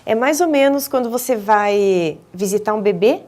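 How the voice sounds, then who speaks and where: A woman with a Brazilian Portuguese accent, a speech therapist answering interview questions in a didactic way, often pausing on hesitant fillers and restarting phrases. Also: medium pitch, expressive, a little mellow. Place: television studio.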